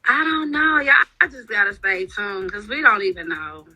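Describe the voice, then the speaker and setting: Candid chatty woman, bright voice. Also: medium pitch, very animated, normal speed, faint music behind, rough recording. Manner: chatty and candid, lots of "you know" fillers. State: wearing retainers that affect her speech. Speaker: guest, reality TV cast member. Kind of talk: casual interview chat.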